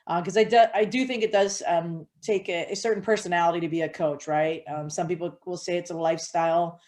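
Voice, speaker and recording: A woman from Hawaii, a head college softball coach, answering interview questions in an earnest, steady way with frequent fillers. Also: lowish voice, brisk.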